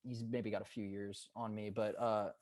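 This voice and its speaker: A young man in his twenties talks on a podcast in a low, easygoing register. He tells his stories earnestly and gets hyped up now and then. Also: flat delivery, a little mellow. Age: 20s. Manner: upbeat and hyped, drawn-out earnest storytelling. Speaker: guest, pro paintball player. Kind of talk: casual podcast interview.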